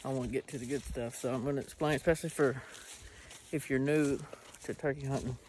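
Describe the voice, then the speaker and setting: A hunting vlogger films himself outdoors on rural land, chatting casually and rambling through explanations with lots of fillers and restarts. His mid-range voice is fast, a little mellow, and fairly even in intonation, and the self-filmed camera audio carries slight hiss or hum.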